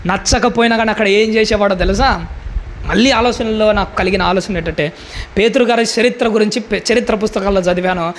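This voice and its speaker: High-voiced man preaching emphatically. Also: a little fast, a little hiss or hum. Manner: emphatic preaching with rhetorical questions. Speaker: pastor. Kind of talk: sermon.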